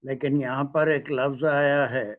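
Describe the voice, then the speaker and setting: A man giving a religious lecture, speaking slowly and pausing often to search for words. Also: medium pitch, steady tone. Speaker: Quran lecturer. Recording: tinny phone-like recording.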